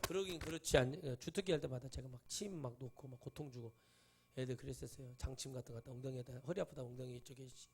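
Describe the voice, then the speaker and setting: In a church sanctuary, a middle-aged male pastor delivers a sermon, telling stories in casual speech. His mid-range voice is creaky and husky, and he acts out the voices of people he quotes, sometimes breaking into sudden loud bursts.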